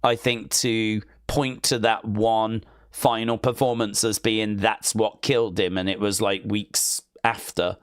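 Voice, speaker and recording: Low, smooth-voiced man co-hosting a podcast. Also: little pitch movement, unhurried, few pauses, no echo, studio quality. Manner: hesitant, many restarts and "I don't know". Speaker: podcast co-host. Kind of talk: casual chat.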